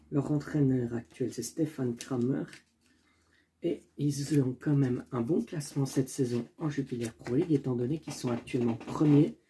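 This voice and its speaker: Talking through a solo football video in a casual way, this young man works out his thoughts aloud, frequently stopping to fix what he said, tripping on names and saying sorry. He has a warm, medium-pitched voice, and there's a little hiss or hum on the recording.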